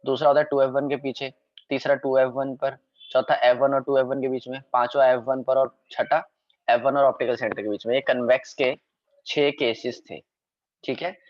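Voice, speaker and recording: A man explains a science topic in a recorded revision class and keeps asking his students whether they understood. His voice sits at an ordinary pitch. The recording is dry and a little muffled. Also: little pitch movement, no room sound. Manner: repeatedly checks understanding, quick self-corrections. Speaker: science teacher.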